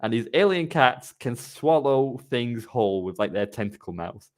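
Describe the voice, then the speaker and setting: A man's voice: mid-range voice, lively intonation. A man hosting a casual live-streamed podcast, rambling with frequent restarts. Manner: rambling, with many restarts and quick laughs. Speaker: podcast host.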